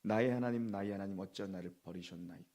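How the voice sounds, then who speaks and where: A man's voice: sits low, fast, warm tone. A man preaching a Good Friday sermon as pastor, repeating key phrases with emphasis and quizzing the congregation. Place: church sanctuary.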